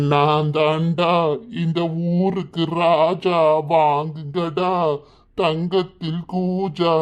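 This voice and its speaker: A man's voice: fairly high pitch, smooth. A man voicing a boastful old village man with a Kanyakumari Tamil accent, drawling and half singing his lines in a cartoon. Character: boastful old village man, self-styled local king. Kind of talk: cartoon voice acting.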